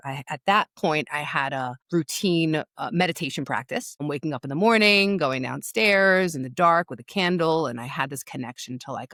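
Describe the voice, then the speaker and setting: Clean studio audio without echo captures a middle-aged woman from New York, speaking with a local accent in a low-pitched, fairly bright voice. As a podcast guest and loss and empowerment coach, she tells her own story frankly and emphatically, repeating words to stress them.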